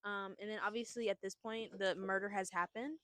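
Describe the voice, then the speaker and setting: A woman's voice: medium pitch, fairly even intonation, fairly quick, a bit bright, no room sound. A young woman co-hosting a podcast, casually retelling a horror movie plot in a chatty, rambling way. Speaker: podcast co-host. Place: outdoors at a picnic.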